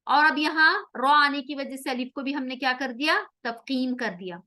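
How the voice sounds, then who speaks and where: A woman teaching Quran recitation rules, explaining patiently in Hindi with English words and slowly drilling example words again and again. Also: sits high, sharp tone. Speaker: tajweed teacher.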